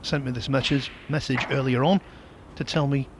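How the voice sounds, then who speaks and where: A man's voice: medium pitch, fairly even intonation, moderate pace. A man giving live commentary on a snooker match. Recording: light background noise.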